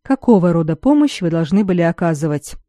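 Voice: medium pitch, animated, brisk, warm tone, dry recording, studio quality, close to an everyday voice. A reader voicing a proud young male lord who speaks coldly and heavily in an audiobook. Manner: cold, clipped, heavy delivery. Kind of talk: audiobook character reading.

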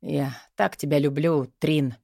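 A woman reading the part of a teasing, tender young male demigod, speaking low and hushed. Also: a little slow, dry recording, clean studio sound. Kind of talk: audiobook character voice.

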